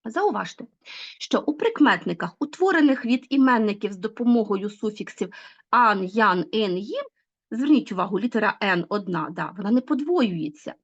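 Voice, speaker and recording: A woman teacher giving a grammar lesson to children, explaining patiently, stressing key words slowly and asking the class questions. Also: medium pitch, animated, lo-fi sound. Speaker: school teacher.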